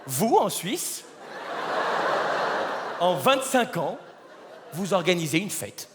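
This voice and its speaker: A man doing stand-up, setting up a comparison and building it to loud punchlines. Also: high-pitched, sing-song, takes it slowly, heavy background noise. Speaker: stand-up comedian. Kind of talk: stand-up routine. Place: large concert hall. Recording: hall reverb from a live stage.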